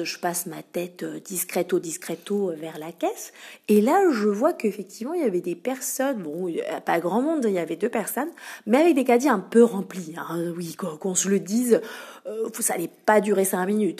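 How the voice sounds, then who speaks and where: A woman podcaster recounts comic run-ins with shop customers in a chatty, playful monologue packed with fillers. Her voice sits in a middle pitch, with a husky grain and frequent creak. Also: darkish tone.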